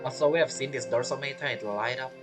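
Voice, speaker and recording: A gamer narrates his playthrough with casual commentary, speaking fast in a medium-pitched voice as game music plays behind him. He muses aloud, repeats phrases and asks himself questions.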